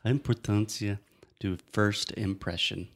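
A native English-speaking man teaches everyday phrases in a relaxed, patient way, and his voice sits fairly low. He models each line and praises with repeated "perfect". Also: slow. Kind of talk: bilingual lesson chat.

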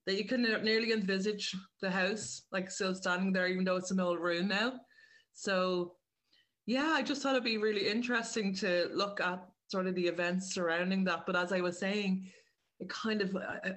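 A slightly bright, fairly low-pitched voice belongs to an Irish woman, a writer and director, chatting as an interview guest. She describes her work loosely, often correcting herself.

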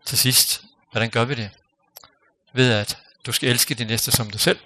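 A man preaching a sermon, earnest and unhurried, dropping to a near-whisper for emphasis. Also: medium pitch, steady tone, bright, forceful tone. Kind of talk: sermon with closing prayer.

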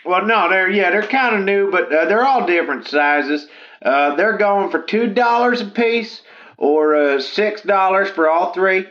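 A man plays a simple, folksy caller, heard over a muffled phone line on a radio call-in show. He rambles with lots of ums, and his voice sits a little high and bright. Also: expressive, a little slow. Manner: rambling, hesitant, folksy grammar. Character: simple folksy man selling odd socks.

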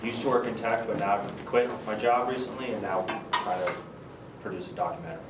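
A soft-spoken man introducing himself as a newcomer at a group meeting. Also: medium pitch, a little fast, gravelly. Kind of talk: casual self-introduction. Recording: echoey room, mic far off, loud noise.

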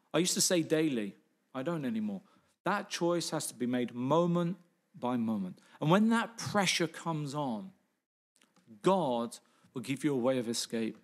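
A middle-aged man preaching a sermon as pastor, earnest, asking rhetorical questions and repeating key phrases. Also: on the high side.

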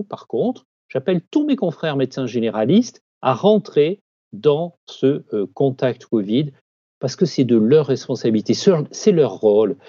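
A man's voice: medium pitch, dark tone, slightly rough, no echo, highs cut off. A man who leads a doctors' union, giving firm, persuasive interview answers.

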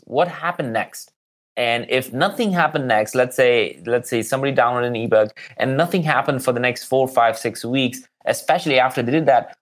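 A man with a mid-range voice appears as a podcast guest and marketing expert, speaking conversationally. He explains his points with examples and repeats words for emphasis.

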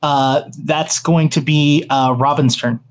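Higher-voiced man, hesitant game master. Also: fairly even intonation, slow pace, smooth. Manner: hesitant, thinking aloud. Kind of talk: improvised narration of a tabletop game.

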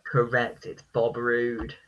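A man hosting a casual quiz, reading out lines in a flat, deadpan voice. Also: mid-range voice, slow pace, lo-fi sound. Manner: reads lyrics in a deadpan voice. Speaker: quiz host.

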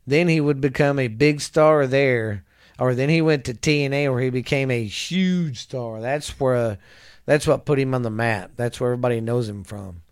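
A man with a smooth, resonant voice talks through a casual recap from his notes on a close home mic. The sound is dry with no room echo. He trips over names, fixes them and laughs at himself. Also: medium pitch. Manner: halting, stumbles over names and corrects himself; chuckles at his own slips. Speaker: podcast host. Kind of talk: casual wrestling history recap read from notes.

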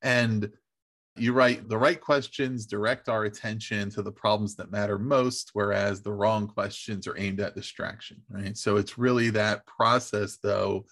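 A man's voice: fairly low pitch, fairly even intonation, measured pace, a bit bright. A man hosting an interview podcast, asking long, winding questions with frequent restarts. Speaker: podcast host.

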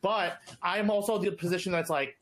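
A man's voice: sits high, moderate pace, a bit bright. A man in his thirties talking in casual group chat, chatty and sarcastic, full of "like" fillers. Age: 30s.

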